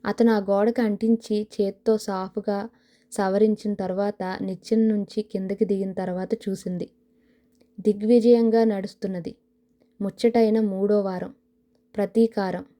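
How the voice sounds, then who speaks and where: A woman narrating an audio novel in a steady, even storytelling manner. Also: mid-range voice. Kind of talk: scripted narration.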